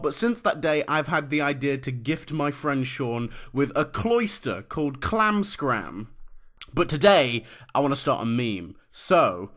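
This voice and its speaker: A man's voice: fairly high pitch, fairly bright tone. A young man making a comedic top-five video, talking in a crude, sarcastic and mocking way. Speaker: YouTuber.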